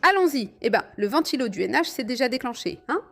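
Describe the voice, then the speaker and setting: A woman's voice: a little high, big pitch swings, fast, a bit bright. Chatty woman vlogging from a motorbike. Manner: chatty, exclamatory, addresses viewers as friends. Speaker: motovlogger. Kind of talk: casual riding commentary. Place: riding a motorcycle outdoors in city traffic in rain.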